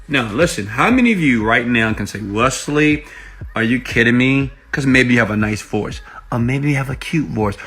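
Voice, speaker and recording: Recorded on an iPhone mic, this online money-making coach has a mid-range voice with a bright, forceful tone. He pitches a motivational tutorial to viewers with real emphasis and keeps checking in through rhetorical questions.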